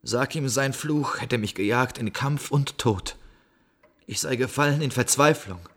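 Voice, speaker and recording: A solemn stranger bearing grim news in a classic radio play. His husky, mid-pitched voice tells the tale with measured gravity. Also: a bit bright. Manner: solemn storytelling.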